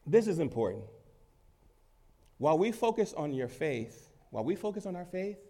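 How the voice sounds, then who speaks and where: Animated pastor with a cold. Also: male voice, fairly high pitch, moderate pace. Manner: animated, swings between loud emphasis and quiet asides, laughs easily. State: has a cold. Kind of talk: sermon. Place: church in front of a congregation.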